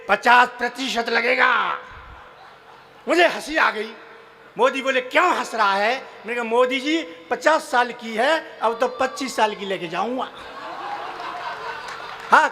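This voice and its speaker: A man performing comic poetry on stage, telling stories with acted quotes and slow, chanted verse lines. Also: extremely high pitch, pushed and bright, a little hiss or hum. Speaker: comic poet. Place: live stage event.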